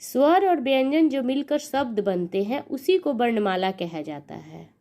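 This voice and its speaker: A woman's voice: a little high, expressive, measured pace, warm tone. A young woman teaching a grammar lesson, spelling words sound by sound and counting each sound aloud. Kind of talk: slow explanatory grammar lesson.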